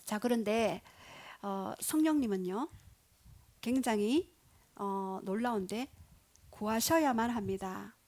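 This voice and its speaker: A woman pastor preaching a sermon, telling stories with animated energy and acting out the people in them. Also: mid-range voice, takes it slowly, pauses often. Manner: animated storytelling, acting out quotes.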